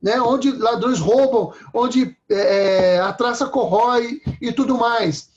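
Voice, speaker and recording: A man's voice: extremely high pitch, takes it slowly, highs cut off. A man preaching a sermon in a conversational way, often checking in with his listeners.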